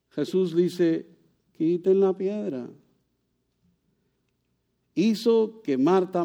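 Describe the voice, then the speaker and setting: A man giving a sermon as pastor, asking rhetorical questions and swinging from loud, high passages to soft, low ones.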